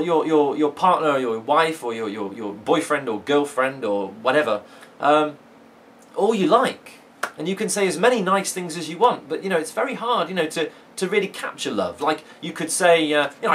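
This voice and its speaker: Chatty teacher, upbeat and a bit high. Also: male voice, a bit bright, slight background noise. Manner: chatty, enthusiastic, self-interrupting with fillers. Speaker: English teacher. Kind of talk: casual video lesson. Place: living room at home.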